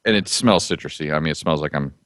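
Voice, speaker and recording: Man, very low voice, dry close sound, casual rambling podcast chat, easygoing. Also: fast talker, fairly bright tone, no room sound. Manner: rambling, easygoing, self-deprecating jokes. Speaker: podcast co-host reviewing beer.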